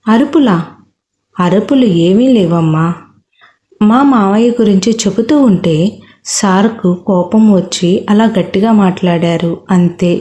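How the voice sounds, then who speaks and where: A hesitant young woman , as a woman narrator puts her on recounts a hurtful past in a storybook reading. The voice is mellow and warm at a medium pitch, and it speaks with a quiet, wounded firmness. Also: unhurried, husky. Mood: placating. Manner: faltering, then firm recounting.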